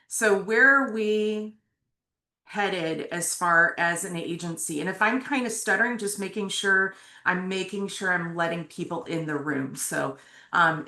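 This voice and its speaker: A woman's voice: lowish voice, sharp tone. A woman giving an orientation presentation to new graduate students, talking in a conversational way with frequent fillers and asking "right?" to check in with the group. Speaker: MSW program faculty presenter. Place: classroom with online attendees. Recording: roomy echo.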